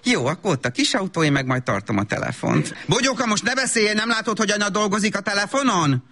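A self-absorbed young mother, played by a man, whose voice sits high and swoops widely. She slides between gushing baby talk and shrill scolding. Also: very animated, pushed and bright, exaggerated voice. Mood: chatty. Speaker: comedian. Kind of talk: comedy sketch monologue.

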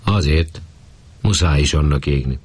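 A man's voice: rumbling low, husky. A man doing a kindly chimney sweep. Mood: friendly. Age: 30s. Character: kindly 35-year-old chimney sweep, plain and steady.

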